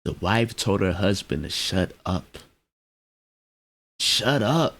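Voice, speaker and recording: A man giving casual, animated reaction commentary in heavy slang, ranting about a clip. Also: deep voice, a little slow, gravelly.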